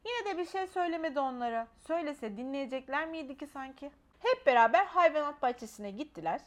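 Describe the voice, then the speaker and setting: A woman's voice: high voice, animated, quick pace. A woman expressively reading a children's storybook aloud.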